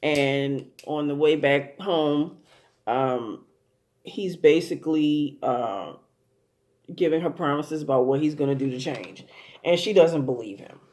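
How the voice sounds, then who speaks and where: A woman's voice: low-pitched, measured pace, darkish tone. Rambling, blunt woman recapping a show. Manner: rambling and profane, with many fillers and restarts; blunt and amused. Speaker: TV show commentator. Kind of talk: casual recap commentary.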